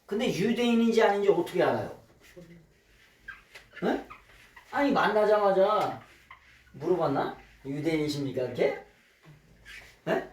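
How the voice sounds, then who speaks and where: Animated male pastor in an echoey church. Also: sits high, a little slow, pauses often. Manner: animated, acts out dialogue, keeps asking "예?". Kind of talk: Bible study sermon. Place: church sanctuary. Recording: echoey room, mic from far, faint noise.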